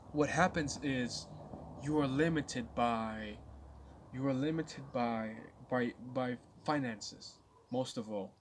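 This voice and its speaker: A man's voice: medium pitch, a little hiss or hum. A nineteen-year-old man vlogging to his viewers, rambling and restarting often as he thinks aloud. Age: late teens. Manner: rambling, with many restarts and stammers. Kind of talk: casual talk to camera.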